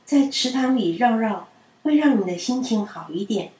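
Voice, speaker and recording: A woman gives voice to a kindly male goose from a storybook, soft-spoken and gentle in manner. Her voice sits fairly high and sounds a little distant in a roomy space. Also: lively intonation, moderate pace, close to an everyday voice. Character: gentle gray male bird turned goose.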